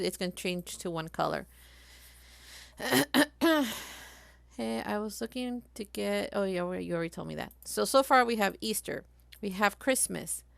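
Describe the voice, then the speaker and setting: A woman live-streaming a craft software tutorial, chatty and thinking aloud as she works. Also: medium pitch, gravelly, dry recording.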